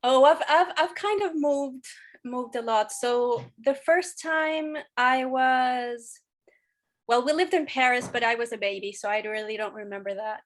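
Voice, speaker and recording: A Chilean woman in her thirties, appearing as a podcast guest, speaks in a high voice at a slightly slow pace. In this casual interview she talks openly and at length, often restarting her sentences with "you know".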